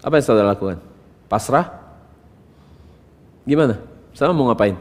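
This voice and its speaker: A man's voice: mid-range voice, moderate pace. Man preaching in a reverberant hall. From Indonesia. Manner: animated preaching, rhetorical questions, rising to loud emphatic bursts. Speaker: pastor. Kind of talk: sermon.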